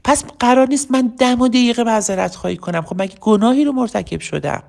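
Gravelly woman coaching public speaking. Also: fairly high pitch. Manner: animated, rhetorical questions, plays out example speeches. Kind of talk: teaching talk, addressed to listeners.

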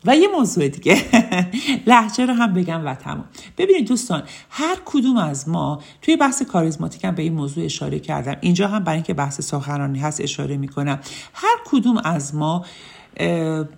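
A woman gives a public speaking lesson to her online students. Her voice is fairly low and has a gravelly edge. She talks in a friendly, chatty way, with fillers along the way. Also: very animated, a little mellow. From Ramsar, Iran.

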